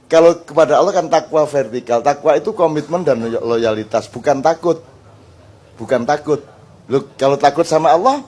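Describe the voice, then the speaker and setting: An older man preaching to a gathering, animated and joking, acting out little dialogues. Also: a little high, moderate pace. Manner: animated, joking, mixes in Javanese phrases, acts out dialogues. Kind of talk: lively Islamic study talk before a crowd.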